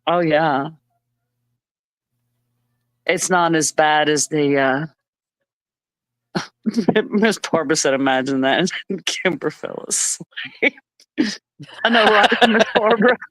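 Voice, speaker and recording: A woman telling family stories in a casual live chat, animated and laughing often. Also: sits low, slow pace, pauses often, dry recording. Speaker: live stream co-host.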